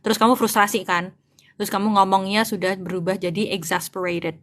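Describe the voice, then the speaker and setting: An online tutor of English-to-Indonesian reads a novel aloud in English, translating each line into Indonesian as she goes. Her voice is medium-pitched and a bit bright, with flat delivery and a slightly fast pace. Casual in tone, she thinks out loud, hunts for words, and switches freely between the two languages.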